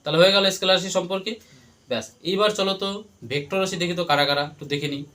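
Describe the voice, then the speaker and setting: In a call-and-response classroom lesson, a man drills his students with repeated questions and has them chant the answers back. His high-pitched voice is pushed and bright, holding a steady tone at a very fast pace.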